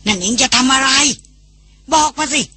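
A woman reading an audiobook voices an old male master hunter who talks gruffly and grumbles. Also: sits high, moderate pace, bright, forceful tone, dry recording, soft background music, voice pushed up, heavily acted. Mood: irritable. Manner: gruff, irritable teasing.

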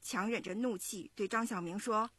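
Husky-voiced mother telling a story. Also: mid-range voice, no echo. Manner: expressive, measured storytelling. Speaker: parent storyteller. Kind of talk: storybook narration for children.

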